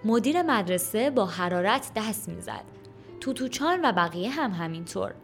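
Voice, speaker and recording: A woman reading a children's story aloud as an audiobook narrator, calm and even. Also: mid-range voice, faint music behind. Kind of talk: scripted narration.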